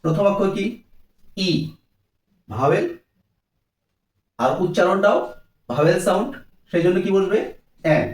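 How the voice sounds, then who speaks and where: A man's voice: sits high, animated, measured pace, long pauses, roomy sound, far from the mic. A man teaching a grammar lesson, asking questions and answering them himself.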